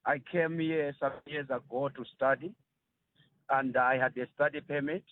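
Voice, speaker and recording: A man from Malawi calling in to a radio show, explaining his situation in a steady, storytelling way with frequent "you know". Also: mid-range voice, moderate pace. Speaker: caller. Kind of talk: phone-in call to a radio show. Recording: tinny phone line with faint noise.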